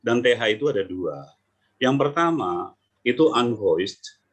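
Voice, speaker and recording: Male pronunciation coach, lively, demonstrates sounds, video call. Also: mid-range voice, a little slow. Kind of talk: online teaching talk.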